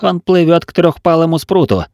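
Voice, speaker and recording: A man's voice: a little high, expressive, extremely slow, gravelly, darkish tone, no echo, studio quality, voice pushed up, exaggerated voice. A man voicing an urgent male shipmate in an audiobook, his voice raised and pressing. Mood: tense.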